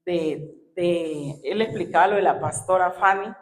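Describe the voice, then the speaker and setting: A woman's voice: lowish voice, a little slow, echoey room, slight background noise. A woman preaching a sermon in a church, emotional and acting out her own past words. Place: church hall.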